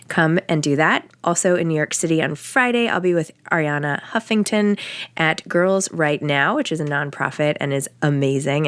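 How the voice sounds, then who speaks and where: A middle-aged American woman, an author and podcast host, talks casually and reads aloud in the first person. Her voice is low, and the recording is dry.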